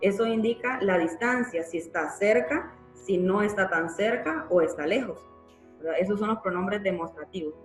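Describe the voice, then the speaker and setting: A woman's voice: medium pitch, normal speed, echoey room, soft background music, poor audio. A woman teacher giving a live online grammar class, explaining patiently and checking in with frequent tag questions. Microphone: computer mic in a live online class.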